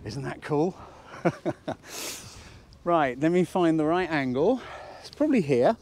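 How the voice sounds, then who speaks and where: A British man in his fifties with a squeaky voice from a cold, chatting casually and jokily as he teaches outdoors, often asking rhetorical questions. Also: expressive, a little slow, darkish tone. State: has a cold. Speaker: photography instructor and presenter. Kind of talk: casual instructional talk to camera. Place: outdoors at a waterside harbour slipway.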